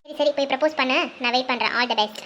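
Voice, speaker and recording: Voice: high-pitched, quick pace, lo-fi sound, noisy background, lightly acted. A performer voicing a blunt, teasing young male best friend in a comic cartoon, bossy and full of advice. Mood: advising.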